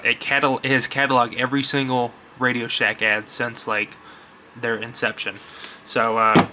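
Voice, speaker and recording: In this unscripted show-and-tell vlog, a young adult man who runs a vintage electronics collecting channel shows off items in his basement. His mid-range voice is bright and forceful, his talk informal and rambling, with slight noise in the background.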